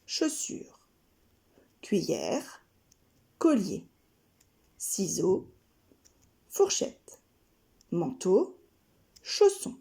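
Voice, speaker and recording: Woman, kindergarten teacher, from France, slow careful syllable-by-syllable speech, lilting and mellow. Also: fairly high pitch. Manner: slow, carefully articulated, splitting words into syllables. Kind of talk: scripted instructional narration.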